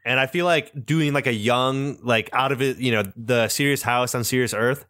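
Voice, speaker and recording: A man's voice: medium pitch, normal speed, dry recording. Young guy on a podcast, laid back and laughing a lot, dry close mic. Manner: relaxed, laughs often, rambling with restarts. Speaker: podcast co-host. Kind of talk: casual chat.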